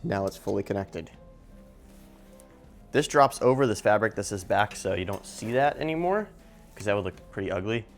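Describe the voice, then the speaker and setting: A man's voice: fairly low pitch, animated, normal speed, pauses often, soft background music. A man giving a casual hands-on unboxing and review narration as a video host.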